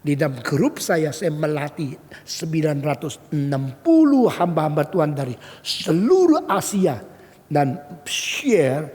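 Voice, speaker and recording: A man preaching a sermon as a pastor, telling a story with animated delivery. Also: fairly high pitch. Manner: animated storytelling, acting out quoted voices. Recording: long hall reverb.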